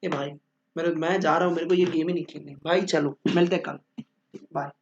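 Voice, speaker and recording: A man's voice: a little high, fairly even intonation, brisk, vocal fry, highs cut off, slight background noise. A man teaching accounting in a joking, bantering lecture, answering his own questions.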